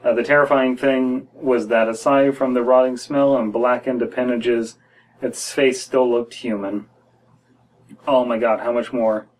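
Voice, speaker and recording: A man in his thirties from the US reads a horror story for a podcast he co-hosts, sprinkling in wry critical remarks from a small indoor space. He speaks unhurriedly in a steady, medium-pitched tone, and the recording is rough.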